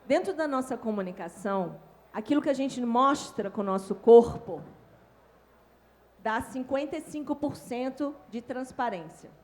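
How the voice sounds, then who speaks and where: Brief: Brazilian woman, lively conference panelist, slightly high voice, demonstrative delivery. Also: normal speed. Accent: Brazilian Portuguese. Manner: animated, demonstrates tones with her own voice. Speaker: invited speaker on communication. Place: hotel conference stage.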